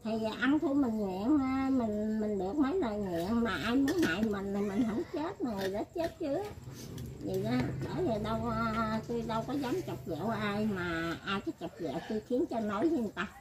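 A woman's voice: a little high, animated, brisk, a loud crowd. An elderly woman talking in a rambling, casual way, often laughing as she speaks. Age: older. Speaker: elderly woman being interviewed.

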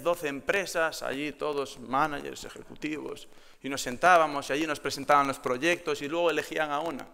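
A man's voice: mid-range voice, creaky, a bit bright, smooth. A young man with a Galician accent preaching a sermon in a church. He tells personal anecdotes and then presses the congregation with rhetorical questions. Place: church hall. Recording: long hall reverb.

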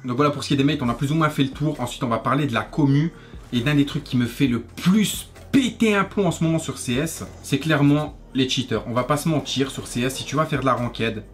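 Fast-talking young Frenchman, heavy street slang. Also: mid-range voice, slight background noise. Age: 20s. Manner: French street slang, swearing, familiar address. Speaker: gaming YouTuber and streamer. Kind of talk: casual rant to camera over gameplay. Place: small bedroom, indoors. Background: faint music.

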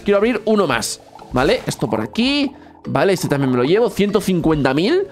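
A man giving excited gameplay commentary, repeating words in quick bursts. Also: sits high, soft background music. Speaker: gaming youtuber.

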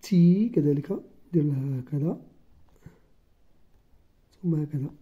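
A teacher with a Moroccan accent giving a first-grade Arabic writing lesson, slowly sounding out letters and syllables one by one. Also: mid-range voice, husky. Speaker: primary school teacher. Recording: dull lo-fi recording.

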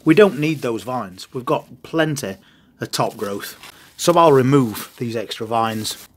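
An older man explains plant care plainly and practically. He talks straight to the camera from inside a greenhouse, with a voice of middling pitch. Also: animated, measured pace. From England. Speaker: gardening channel host. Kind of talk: instructional gardening video. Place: greenhouse on an allotment.

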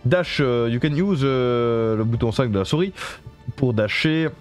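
A man's voice: medium pitch, a little slow, soft background music. A man with a French accent streaming a game live, reading the on-screen text aloud and translating it, with many fillers and self-corrections. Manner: chats with viewers and thanks them. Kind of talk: casual live game commentary.

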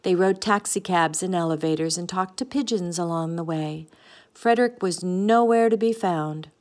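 A woman reads a picture book aloud with expressive, gentle narration. Her voice sits a little low. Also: moderate pace. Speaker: storybook reader.

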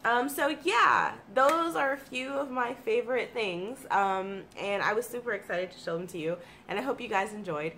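A woman's voice: a little high, moderate pace, hardly any pauses, pushed and bright. An American woman in her thirties, congested with allergies, chatting casually and enthusiastically to camera in a home room. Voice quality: congested, slightly froggy from allergies. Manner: informal, enthusiastic, self-deprecating. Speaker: video blogger and streamer. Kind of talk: casual chatty favorites vlog. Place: small home room with computer desk. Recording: clear background room noise.

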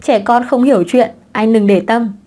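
A woman's voice: a little high, fairly even intonation, normal speed, dark tone, natural voice. A woman reading a cheeky young divorced mother. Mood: sweet.

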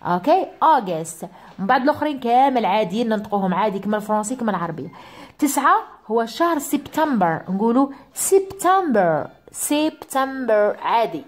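Animated Algerian woman teaching English words. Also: fairly high pitch. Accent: Algerian Arabic. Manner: drawn-out repetitions of words for pupils. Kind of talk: classroom lesson.

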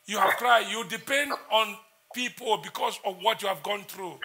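A man's voice: sits high, normal speed, pushed and bright. A man, preaching as a prophet in a church service, intense and repetitive as he declares prayers.

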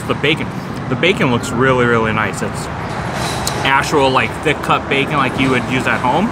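A man's voice: medium pitch, very noisy. A man casually reviewing his meal in a diner, thinking aloud with plenty of ums and uhs. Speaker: restaurant reviewer. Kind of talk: casual food review vlog.

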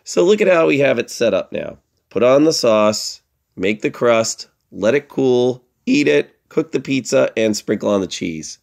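A middle-aged elementary school teacher gives young children a playful, expressive lesson, asking questions and then answering them himself. His voice sits on the low side and sounds gravelly.

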